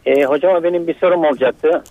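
Quick-talking man over a landline phone. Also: on the high side. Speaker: caller to a radio health show. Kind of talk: call-in question. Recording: tinny, dry phone line.

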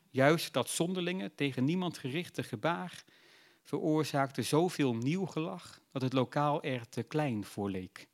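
A man narrating a literary novel in a measured, reflective storytelling voice. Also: on the high side.

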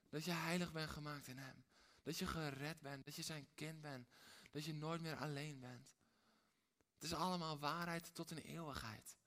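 A man preaching a sermon in a dramatic way, swinging between hushed and loud, with repeated rhetorical phrases. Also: fairly high pitch. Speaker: pastor.

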